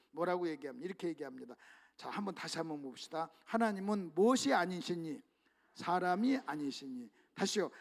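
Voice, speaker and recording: A pastor with a high voice and noticeable vocal fry preaches at a revival meeting inside a church sanctuary. He guides the congregation through call-and-response reading, alternating quiet asides with loud, forceful exclamations.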